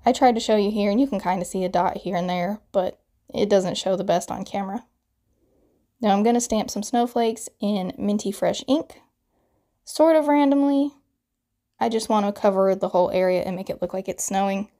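A woman in her thirties, her voice crackly from the morning, chattily narrates a card-making tutorial voiceover, explaining each step. She speaks at medium pitch and normal speed with a warm tone.

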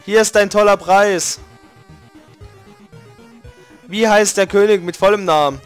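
A man's voice: high voice, a little slow, smooth, faint music behind. A man putting on a robot voice for a flamboyant male robot game-show host from a video game, announcing theatrically. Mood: showy, menacing. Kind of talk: reading game dialogue aloud.

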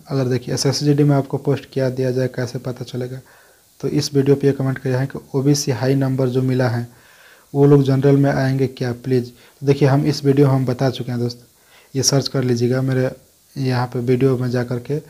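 In a laid-back talk, a host with a mellow, medium-pitched voice takes on viewer questions. He's conversational throughout, often returning to "dekhiye" and "dosto."

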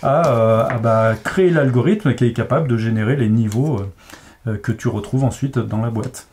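A man's voice: medium pitch, normal speed, darkish tone, a little hiss or hum. A man who designs games, patiently explaining how a logic puzzle works in a casual chat, with frequent fillers. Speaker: game designer. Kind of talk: explaining a board game casually.

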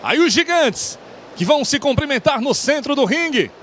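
A man doing live boxing play-by-play commentary in an excited, projected voice. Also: extremely high pitch, moderate pace, a little hiss or hum.

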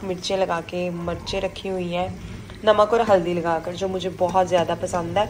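A hoarse woman with a sore throat, chatting casually through a cooking vlog in her home kitchen, filming on a handheld phone. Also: medium pitch, a little hiss or hum, rough recording. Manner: chatty, often adds a polite "okay ji". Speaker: vlogger.

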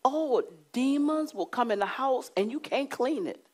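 Middle-aged woman preacher, lively delivery with wide pitch swings, emphatic, lapel mic. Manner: animated, emphatic, with dramatic pauses and shifts to a hushed voice. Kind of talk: sermon. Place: church studio with curtain backdrop.

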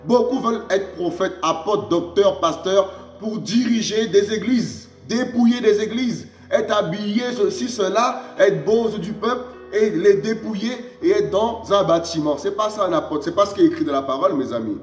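A man preaching a sermon with emphasis, firing off rhetorical questions and dropping low on each "my friends". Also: moderate pace, roomy sound, faint music behind. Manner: emphatic, repeats "mes amis" in a low drop; rhetorical questions, rising exclamations.

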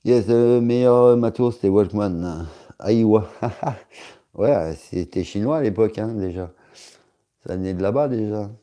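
A male streamer talks loosely to his viewers, filling gaps with hesitations and teasing jokes. His voice sits low and sounds deeply warm and dark. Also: a little slow. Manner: rambling, joking, many hesitations. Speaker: live streamer reading chat. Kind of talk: casual live-stream chat.

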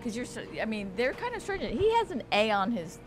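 A woman interviewer in a small restaurant, chatty and animated, laughing easily with her guest. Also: on the high side, quick pace, noisy background. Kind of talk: casual interview. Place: small restaurant with street noise.

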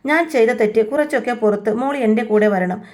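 A woman's voice: fairly high pitch, quick pace, darkish tone, natural voice. A woman voicing a proud, remorseful middle-aged matriarch who speaks firmly.

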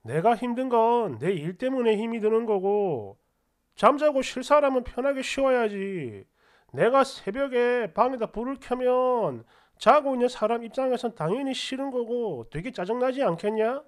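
A woman's voice: on the high side, animated, normal speed, close to an everyday voice. A woman voicing a considerate but stubborn husband in a narrated story, arguing back insistently. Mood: defensive.

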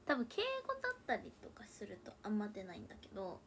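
This is a young female idol livestreamer chatting from home, her Hakata speech laced with Kansai and punctuated by murmured remarks to herself. Mid-range and very animated, she talks fast with a fairly bright tone, recorded on a tablet or phone with slight background noise.

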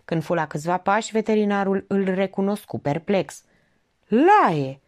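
A woman reading a novel aloud as audiobook narration, telling it expressively. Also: medium pitch. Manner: expressive, even storytelling. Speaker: audiobook reader.

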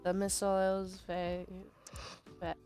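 A woman's voice: mid-range voice, monotone, a little slow, dark tone. A very tired, yawning woman chatting casually on a stream, sleepy and drifting.

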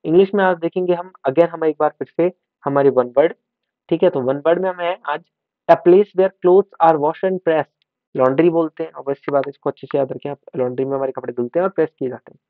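A male teacher running a brisk exam revision lesson, drilling words and spellings and checking in with "ठीक है" as he goes. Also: on the high side, no echo. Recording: tinny phone-like sound.

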